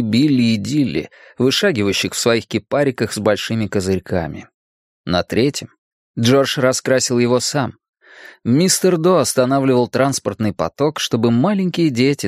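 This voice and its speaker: A man reading an audiobook in a measured, steady way, dropping lower on the grim lines. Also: no room sound, studio quality. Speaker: audiobook narrator. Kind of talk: scripted narration.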